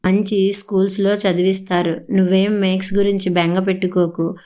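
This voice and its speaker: A woman voicing a gentle grandmother in a storybook reading, consoling and soothing. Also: medium pitch, level tone, normal speed, close to an everyday voice.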